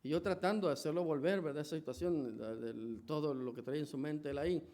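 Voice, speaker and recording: A man's voice: a little high, brisk, warm tone. A man with a Mexican Spanish accent preaching a sermon in a church, conversational, with many restarts and rhetorical questions. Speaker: pastor.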